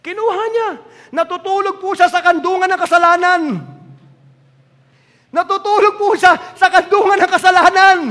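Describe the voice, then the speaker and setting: A man's voice: extremely high pitch, flat delivery, normal speed, bright, forceful tone, big-room sound. A male pastor preaching a sermon, emphatic and repetitive, slipping English phrases into his talk. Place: church hall.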